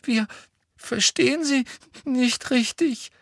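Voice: mid-range voice, a little slow, bright, forceful tone, dry recording, clean studio sound, pitched above the performer's own voice. A reader voicing a teenage schoolgirl in an audiobook, who sobs, whines and stammers. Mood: sobbing. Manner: sobbing, stammering and whiny. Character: sobbing, whining teenage schoolgirl. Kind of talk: audiobook character voice.

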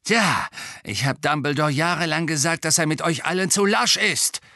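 Mann spielt einen hämischen alten hausmeister, glucksend, drohend, hohe gepresste stimme, trockene aufnahme. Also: male voice, a little high, normal speed, bright, forceful tone, dry recording, studio quality, voice pushed up. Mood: gloating. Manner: gloating, cackling, menacing. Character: spiteful old male school caretaker.

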